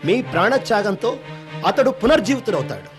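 A grave preaching guru in a devotional drama, high, swooping voice, music behind. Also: male voice, big pitch swings, a little fast. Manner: solemn, preaching. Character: calm wise male guru, preaching detachment.

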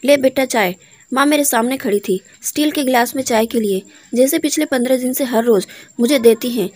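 A woman narrating an emotional first-person story about her mother in a soft, heartfelt and reflective way. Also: high-pitched, fairly quick, no room sound. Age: adult, married daughter.

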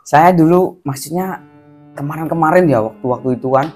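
A man in a village drama, calming and placating an angry elder. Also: on the high side, brisk, faint music behind. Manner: soothing, placating, chatty. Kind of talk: amateur village drama acting.

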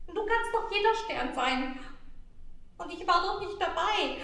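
A small, forlorn shepherd boy who stammers through his sobs, as a woman storyteller puts him on. His voice sits high and loud. The sound comes from far off in a very echoey room. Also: expressive, slight background noise, heavily acted. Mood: doubtful. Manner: sobbing, halting, stammering.

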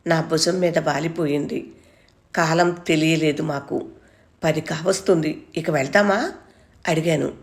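A woman reads a first-person story aloud at a calm, measured pace. Her voice sits on the lower side for a woman. The delivery is steady and unhurried storytelling. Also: creaky.

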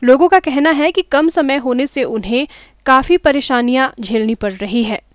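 A young woman with an Indian accent reading a scripted news report in a formal, measured way, as a news anchor. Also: high-pitched, dry recording. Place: studio.

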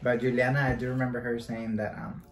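A man hosting a casual mukbang chat with friends, relaxed and slangy, dropping in Spanish words. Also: medium pitch, fast talker. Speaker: host. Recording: roomy echo.

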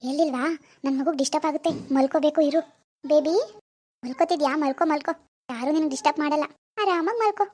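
A woman's voice: high-pitched, fast, a little mellow, pitched below the performer's own voice, natural voice. A woman voicing a grieving young woman who believes she is still pregnant, childlike, dreamy and stubborn. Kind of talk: animated family drama voice acting.

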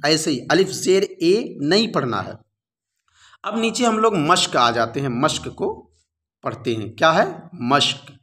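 A man teaching Quran reading, drilling letters slowly and asking and answering his own questions. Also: on the high side, fairly bright tone. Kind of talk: slow recitation lesson with drills.

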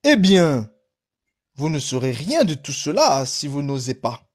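A man's voice: fairly high pitch, very animated, unhurried. A man reading aloud the lines of a scheming male priest who speaks solemnly and urges a young nun. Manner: solemn, urging.

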